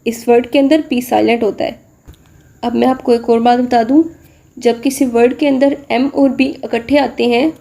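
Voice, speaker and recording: Slow, mellow-voiced woman teaching. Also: a little high. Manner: drills each word slowly, mixing Hindi and English. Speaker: English pronunciation teacher. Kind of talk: slow word-by-word pronunciation lesson.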